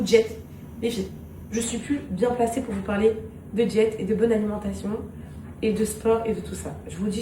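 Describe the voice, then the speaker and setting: A woman talks casually to her camera in a home kitchen, warmly confiding in her viewers. Her voice sits a little high, and it sounds roomy and distant from the mic. Household noise can be heard clearly in the background. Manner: chatty and confiding, addresses viewers as pets; soft and tender with her children. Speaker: vlogger.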